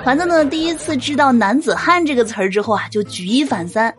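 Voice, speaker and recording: A woman's voice: sits high, lively intonation, fairly quick, fairly bright tone, some chatter behind. Amused mother telling funny stories. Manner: amused, often laughing between jokes. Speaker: mother telling family anecdotes. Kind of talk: humorous storytelling monologue.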